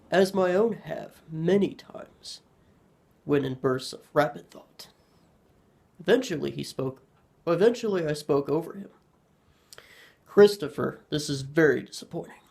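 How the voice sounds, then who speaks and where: A man narrating a horror story in a measured storytelling manner. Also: on the high side, expressive, gravelly, darkish tone.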